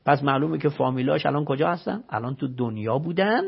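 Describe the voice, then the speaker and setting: Gravelly husky man, emphatic scholar. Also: medium pitch, animated, lo-fi sound. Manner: emphatic, rhetorical questions, recites scripture. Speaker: religious scholar guest. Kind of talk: explanatory religious talk.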